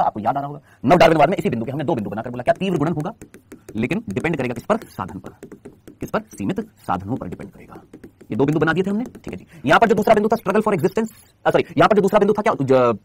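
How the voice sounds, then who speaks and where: A man's voice: fairly high pitch, husky. A man teaching a lecture who asks his students questions and then answers them himself, repeating points in a coaching tone. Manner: fast, repetitive, coaching tone. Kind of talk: classroom lecture.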